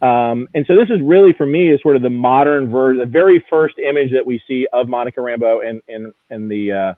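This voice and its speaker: The sound is narrow and phone-like, as on radio, with no echo. A man with a brisk, mid-range voice, an auction house executive serving as guest expert, previews collectible items on a live show with chatty enthusiasm.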